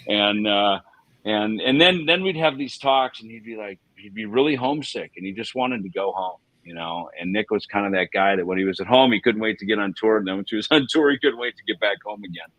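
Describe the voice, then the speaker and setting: A man's voice: lowish voice, fast talker, hardly any pauses, fairly bright tone, dry recording, rough recording. A man in his fifties co-hosting a livestream, telling loose, rambling stories full of fillers, restarts and chuckles. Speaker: livestream co-host. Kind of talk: casual storytelling reminiscence.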